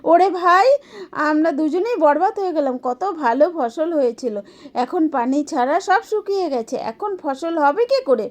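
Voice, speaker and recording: A woman's voice: sits high, expressive, moderate pace. A woman voicing a hot-tempered younger brother who is tearful and accusing.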